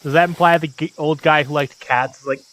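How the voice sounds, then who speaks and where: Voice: mid-range voice, fairly even intonation, fairly quick, a bit bright, slight background noise, rough recording. A let's play host giving casual gameplay commentary with sarcastic, joking asides. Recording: game music playing behind.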